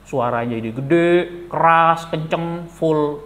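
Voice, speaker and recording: A male pastor giving a lively sermon, animated and jokey, questioning the congregation. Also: on the high side, takes it slowly. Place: church.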